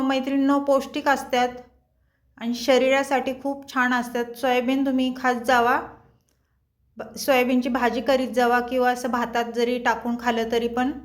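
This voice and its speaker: A woman hosting a cooking channel, chatting with viewers as friends while she cooks. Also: sits high. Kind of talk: home cooking demonstration.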